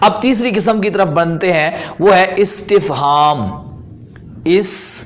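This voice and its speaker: A man with an Urdu accent giving a classroom grammar lecture, explaining patiently and repeating terms slowly. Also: high-pitched, slight background noise. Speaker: Arabic grammar teacher.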